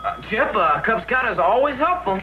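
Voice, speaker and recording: A young man playing a cocky, wheedling high-school boy in a 1960s television family sitcom, eager and boyish. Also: sing-song, moderate pace. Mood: pleading, flustered. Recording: noisy, dull old TV soundtrack.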